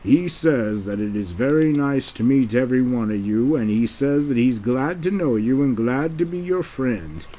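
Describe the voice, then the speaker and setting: A man voicing a polite, formal male character in a homemade puppet drama, speaking slowly and courteously for a monster. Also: medium pitch, lively intonation, warm tone, natural voice.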